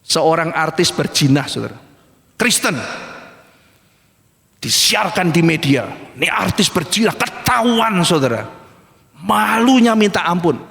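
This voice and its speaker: A man's voice: high voice, expressive, measured pace, vocal fry, pauses often, a bit bright. A male pastor preaching a sermon with emphasis, often addressing the congregation and acting out quoted voices. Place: large church hall. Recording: hall reverb of a church service recording.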